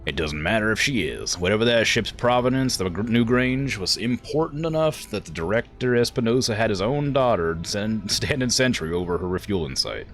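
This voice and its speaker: A man voicing a stern, vengeful lord in a video game, formal and measured in speech. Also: on the low side, animated, faint music behind. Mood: scornful. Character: stern, vengeful nobleman, grave and courtly. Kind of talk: reading game dialogue aloud.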